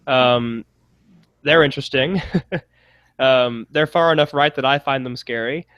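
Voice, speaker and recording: A man's voice: mid-range voice, a little slow, clean tone, no room sound, muffled recording. A man co-hosting a political podcast, talking casually with frequent restarts and ironic asides. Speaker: podcast co-host.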